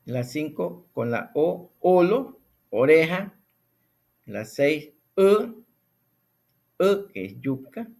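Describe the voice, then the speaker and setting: A man teaching a recorded language lesson, speaking slowly and deliberately and repeating sounds for the listener to practice. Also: medium pitch, sing-song, creaky, darkish tone.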